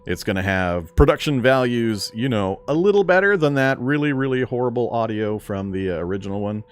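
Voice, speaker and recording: Over faint background music, a man with a mid-range, fairly strong voice keeps up casual live-stream chat as he games, fielding questions from viewers. His intonation is lively and his pace brisk.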